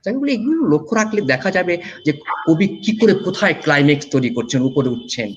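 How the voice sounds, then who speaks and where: A man's voice: on the high side, fast talker, slightly rough, muffled recording. A man judging a recitation contest, giving spoken feedback and sounding out pronunciations. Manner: lively, demonstrates pronunciation aloud. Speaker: recitation competition judge.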